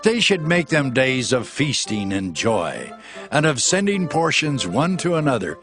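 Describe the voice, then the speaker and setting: A man's voice: medium pitch, very animated, unhurried. An actor playing an official who formally declaims his written decree in a dramatized scripture production. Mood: solemn, celebratory. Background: prominent background music.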